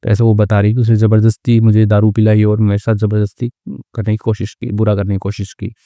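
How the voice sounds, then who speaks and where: A man teaching English through a story, reading each English phrase slowly and then explaining it in a patient, chatty way. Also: on the low side, flat delivery, dark tone, no echo, studio quality. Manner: reads English lines slowly, then glosses them.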